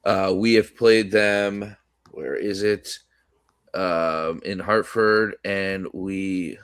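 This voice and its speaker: A man co-hosting a sports podcast, rambling in casual chat with lots of restarts and fillers, slightly hoarse from coughing. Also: sits low, steady tone, extremely slow, fairly bright tone, no echo, clean studio sound. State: coughing today. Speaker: podcast co-host.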